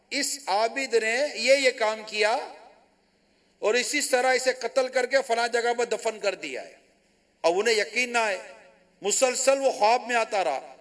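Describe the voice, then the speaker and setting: A Pakistani man gives a sermon as a religious scholar, with a fairly high voice. He tells a moral story and brings it to life by acting out the characters' dialogue. His telling is lively. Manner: animated storytelling with quoted dialogue.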